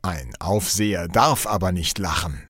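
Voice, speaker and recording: A man reading a fairy tale aloud slowly and clearly, in a measured, expressive storytelling style. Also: deep voice, no room sound, clean studio sound. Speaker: narrator. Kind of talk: slow storybook reading for learners.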